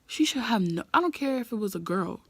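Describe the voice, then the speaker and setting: A woman's voice: a little high, animated, fairly quick, slightly rough, no echo. An eighteen-year-old woman telling a storytime vlog, ranting in an exasperated way. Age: young adult, 18. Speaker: vlogger.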